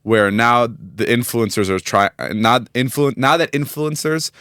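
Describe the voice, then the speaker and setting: A man in his twenties chatting on a podcast, telling stories with lots of swearing and jumping up in pitch when he quotes people. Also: unhurried, smooth. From United States. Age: 20s. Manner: animated storyteller, swears often, voice leaps up when acting out quotes. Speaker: podcast co-host. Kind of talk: casual podcast chat.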